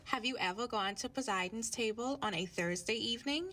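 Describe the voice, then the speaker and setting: A woman's voice: fairly high pitch, a little fast, sharp tone. A woman reporter with a Bahamian accent reading a scripted feature report.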